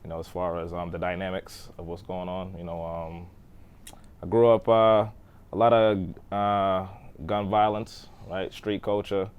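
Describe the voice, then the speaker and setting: Talking casually about growing up on an interview podcast, a man in his thirties from Texas by birth and Boston by upbringing uses lots of fillers and lets his voice trail off. His low, clear, resonant voice moves little in pitch and runs a little slow, and the recording sounds dull.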